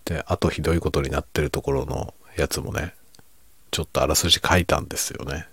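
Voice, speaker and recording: A middle-aged man talks quietly into a close, dry microphone in a very low, creaky voice. His hushed, casual monologue rambles along with self-deprecating humor, sometimes sinking toward a whisper, made for late-night listeners falling asleep. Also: steady tone, fast, no echo. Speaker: fiction writer chatting to listeners.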